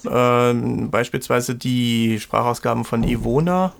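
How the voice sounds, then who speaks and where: A man in a casual technical discussion, explaining details in a measured way. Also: mid-range voice, gravelly.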